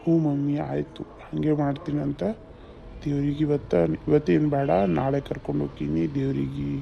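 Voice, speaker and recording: A man's voice: a little high, monotone, a little fast, gravelly, lo-fi sound, a little hiss or hum. A man playing a hesitant, newly married young son in a comedy skit, with a North Karnataka Kannada accent, pleading with his mother.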